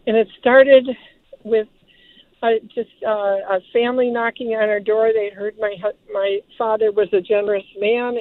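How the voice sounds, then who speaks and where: A woman's voice: on the high side, fairly even intonation, normal speed, dry recording. Older woman, from Detroit, phone caller, tinny phone line, dry sound, chatty storyteller. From Detroit, Michigan. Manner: chatty storyteller, fond and a little emotional. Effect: heard over a phone line. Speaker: caller to a radio show. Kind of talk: call-in radio conversation.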